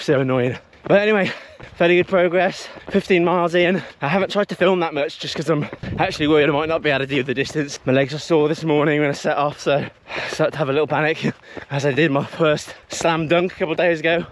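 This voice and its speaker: An amateur long-distance runner in his early thirties vlogs about his run, narrating casually to the camera in a voice on the high side. Much of it is outdoors on a coastal trail, picked up by an action camera mic with wind and ambient noise.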